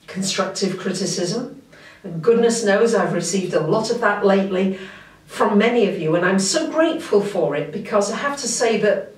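A woman astrologer giving a monthly forecast in a gentle, unhurried, reflective way. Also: medium pitch, expressive. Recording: roomy, mic at a distance.

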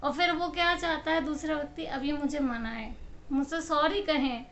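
High-voiced woman giving a lively pep talk. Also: normal speed, vocal fry, slight background noise. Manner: animated storytelling, acts out quotes, laughs often. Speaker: motivational speaker. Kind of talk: casual motivational talk to camera. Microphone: camera mic.

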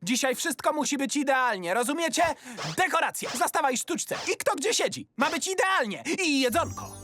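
A woman's voice: sits high, normal speed, music in the background. An actress playing a bossy, uptight young male team leader in a cartoon dub. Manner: bossy, fussy, excitable.

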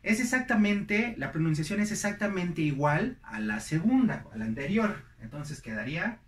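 A man's voice: on the high side, very animated, moderate pace, roomy sound, slight background noise. A young man teaching English pronunciation, repeating each word several times with stress. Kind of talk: slow, deliberate pronunciation lesson.

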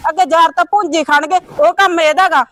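A woman with a Punjabi accent plays a quarrelsome village daughter-in-law, scolding a neighbour in a fast stream. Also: extremely high pitch, steady tone, fairly bright tone, no echo. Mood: bickering. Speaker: actor in a village short film.

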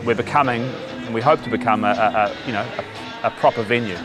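A man who works at a brew bar, talking upbeat in a documentary interview and listing things quickly. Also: mid-range voice, over music. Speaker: brewery staff member.

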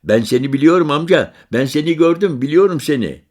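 A man voicing an eager, talkative young village boy in an audiobook story, speaking high and excited. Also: fairly quick. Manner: high, bright, excited and insistent.

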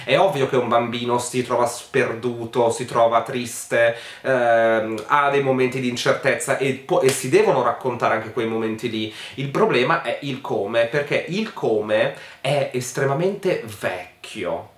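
A man giving casual spoken commentary as a video essayist, hesitant and filling pauses with many ums, in a critical tone. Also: mid-range voice, steady tone, reverberant.

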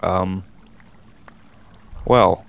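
A man's voice: deep voice, steady tone, very slow, creaky, smooth. A man playing a game with friends, chatting casually and reading in-game text aloud dramatically. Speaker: game player. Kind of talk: casual gaming chat.

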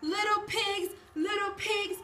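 A woman voicing a big bad male wolf in a storybook reading, with loud, drawn-out threats in a raised voice. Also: very high-pitched, fairly even intonation, loud music behind the voice, pitched above the performer's own voice. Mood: menacing. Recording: roomy and from a distance, faint noise.

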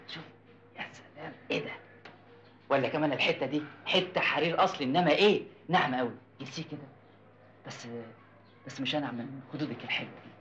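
An actor playing a young merchant son and jealous husband, speaking with an Egyptian accent, boastful and then furious. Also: male voice, a little high, a bit bright, highs cut off, slight background noise, close to an everyday voice. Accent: Egyptian Arabic. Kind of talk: 1980s Egyptian film acting.

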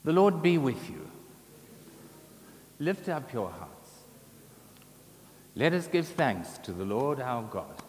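A man in his seventies, a priest saying Mass prayers in a measured, solemn way. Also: medium pitch, very animated, a little mellow. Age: 70s. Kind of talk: liturgical prayer. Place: large brick chapel, at altar and lectern. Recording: echoey chapel with long reverb, background noise.

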